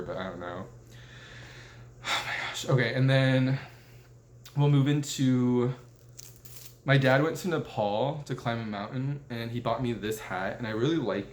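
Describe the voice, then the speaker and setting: A young man in his twenties chatting casually as a vlogger, rambling through stories with lots of "like" fillers and self-corrections while sitting at a table indoors. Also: mid-range voice. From United States. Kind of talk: casual rambling show-and-tell. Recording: roomy echo with faint ambience.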